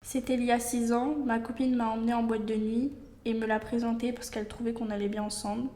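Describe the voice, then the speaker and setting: A woman playing a young wife in her twenties, telling her story quietly. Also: fairly high pitch, level tone, fast talker, reverberant, close to an everyday voice. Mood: subdued. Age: 20s.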